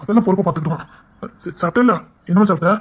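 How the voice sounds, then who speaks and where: An actor playing a hot-tempered man who softens to comfort his frightened little niece, repeating reassurances in a TV serial. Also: high-pitched, breathy edge. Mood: reassuring. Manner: soothing, repeats himself, lively and quick. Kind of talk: TV serial acting.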